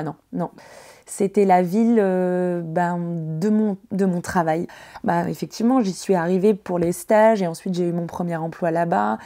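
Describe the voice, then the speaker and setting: A woman's voice: on the low side, mellow. A woman with a light northern French accent, a podcast guest reflecting aloud in casual conversation. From North of France.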